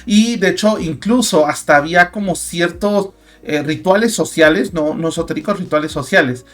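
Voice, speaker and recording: A man's voice: high voice, normal speed, a bit bright. A young man with a Mexican Spanish accent hosting a casual talk show, chatty and full of fillers and restarts. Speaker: host.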